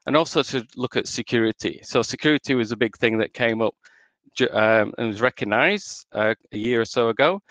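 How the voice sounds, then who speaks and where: Northern english guy w/ a touch of aussie and american, chatty meetup talk, lots of ums, crisp and dry. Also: mid-range voice, brisk, a bit bright, no echo. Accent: Northern English with Australian and American traces. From Northern England. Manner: conversational, frequent ums and restarts. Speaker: integration manager presenting at a meetup. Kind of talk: conference presentation.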